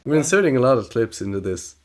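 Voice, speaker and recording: A man co-hosting a podcast in casual chat, laughing often and slipping into silly falsetto voices when quoting. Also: big pitch swings, fast, darkish tone. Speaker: podcast co-host.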